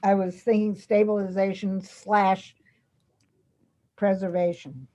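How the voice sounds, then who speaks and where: A woman's voice: medium pitch, little pitch movement, slow, dark tone. A woman at a county commission meeting asking tentative questions about wording. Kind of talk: public meeting discussion.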